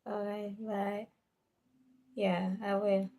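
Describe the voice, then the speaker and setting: Woman live streamer, unhurried casual chat, slips into near whispers. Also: mid-range voice, flat delivery, warm tone. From Cameroon.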